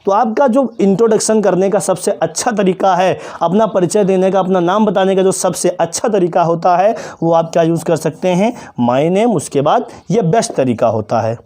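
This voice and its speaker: A male English teacher leads a classroom lesson for children, posing questions and answering them himself while slowly spelling out example phrases. His voice is high-pitched and mellow.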